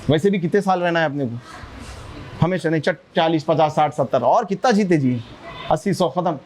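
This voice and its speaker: A man giving an animated religious talk to schoolchildren, asking them questions and acting out their prayers. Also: a little high, fairly quick, a little hiss or hum. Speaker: speaker at a school. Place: school classroom.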